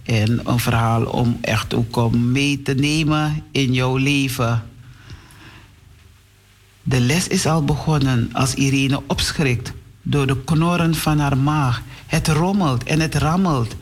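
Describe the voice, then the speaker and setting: Gentle slow-reading storyteller man. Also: mid-range voice. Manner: gentle, addresses children directly. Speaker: children's storyteller. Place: radio studio.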